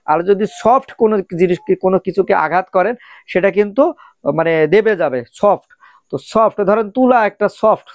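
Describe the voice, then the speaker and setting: A man's voice: high-pitched, dry recording. A man giving a casual video lesson on vocabulary, repeating each word many times with frequent "ah" and "um" hesitations. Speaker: language teacher.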